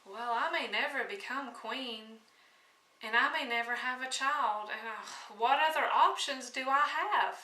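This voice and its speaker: A woman's voice: a little high, measured pace, bright, forceful tone. Woman voicing a stammering young queen. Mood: anxious. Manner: stammering and pleading. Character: frightened young woman turned queen, pleading. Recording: echoey room, mic at a distance.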